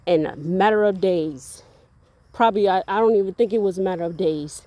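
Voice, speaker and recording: A parent vlogger with a warm, mid-range voice talks briskly while walking outdoors, recounting a rambling, faith-filled story about parenting in a casual vlog. She is earnest, a little breathless, and repeats words, and the audio has no room sound.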